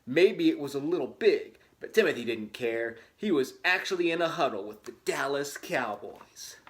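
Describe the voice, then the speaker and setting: A host with a fairly high-pitched, lively voice reads a children's storybook aloud at a moderate pace. He performs it dramatically, then breaks off for wry, tongue-in-cheek casual asides.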